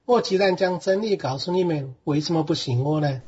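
A man reading scripture aloud in a steady, measured way. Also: on the high side, breathy edge. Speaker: guest reader. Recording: dull lo-fi recording.

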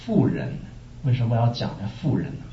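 Animated man preaching in an echoey hall. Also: mid-range voice, a little fast, slight background noise. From China. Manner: animated storytelling with rhetorical questions. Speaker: pastor. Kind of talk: sermon. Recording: echoey room, distant muffled mic.

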